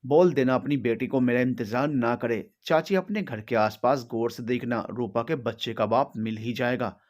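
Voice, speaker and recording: A man's voice: mid-range voice, normal speed, a little mellow, close to an everyday voice. A man voicing an angry young woman who speaks accusingly.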